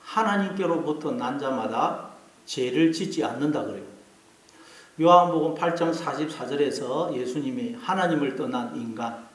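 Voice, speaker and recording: A man's voice: on the high side, lively intonation, moderate pace, echoey room, low-quality recording. A male pastor preaching an earnest sermon, repeating key phrases for emphasis. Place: church.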